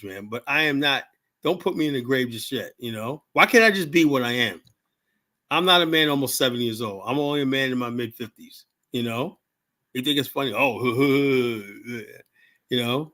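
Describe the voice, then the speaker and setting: Speaking at medium pitch with a sharp tone, this livestream host in his seventies chats in a loose monologue. He's blunt and rambling, curses without hesitation, and ends lines with "you know?"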